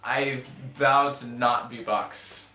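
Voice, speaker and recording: A man's voice: mid-range voice, fairly even intonation, slow, pushed and bright. Young guy rambling on his livestream, lots of ums, echoey room. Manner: rambling, hesitant with many ums. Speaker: live stream host. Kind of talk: casual live stream chat. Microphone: camera-mounted mic. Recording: roomy home recording with faint hiss.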